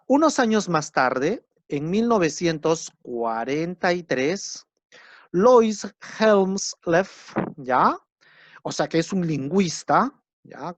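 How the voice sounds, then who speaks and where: On a dull, lo-fi, dry recording, a man with a voice on the high side teaches a class patiently. He goes over key terms more than once and checks in with tag questions throughout the lecture.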